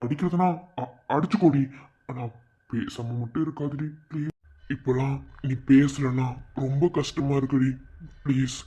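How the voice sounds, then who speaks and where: A man's voice: medium pitch, steady tone, normal speed, mellow, close to an everyday voice. A man with a Madurai Tamil accent voicing a lovesick young man who pleads and apologizes to his girlfriend. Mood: pleading. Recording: muffled lo-fi recording.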